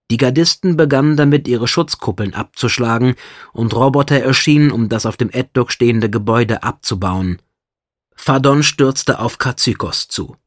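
Male audiobook narrator, mid-range voice, steady read, dry booth sound. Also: mid-range voice, no room sound. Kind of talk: scripted narration.

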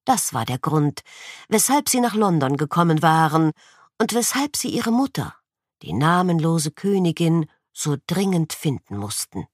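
Lebhafte Erzählerin, tiefe Stimme. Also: female voice, lowish voice, dry recording, studio quality. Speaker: audiobook narrator. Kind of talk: scripted narration.

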